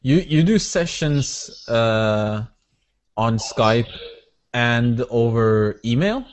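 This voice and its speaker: A man's voice: medium pitch, lively intonation, extremely slow. A man interviewing a guest in a casual chat, curious and searching for words as he reflects.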